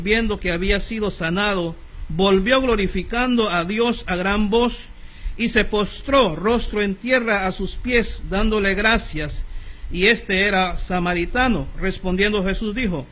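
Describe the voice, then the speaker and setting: Honduran male preacher, high register, measured sermon delivery with self-corrections. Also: a bit bright. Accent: Honduran Spanish. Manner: measured, repeats key phrases, corrects himself aloud.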